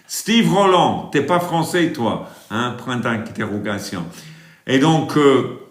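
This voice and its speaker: An English preacher with a British accent leads a worship livestream, singing drawn-out hymns and then switching to brisk, chatty replies to viewers. His voice is mid-range with lively intonation, and the room is echoey.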